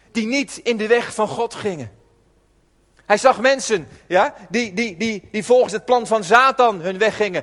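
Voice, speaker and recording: Earnest man preacher, high voice, conversational sermon, long hall reverb. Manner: earnest, conversational, asks rhetorical questions. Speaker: preacher, podcast host. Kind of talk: informal sermon.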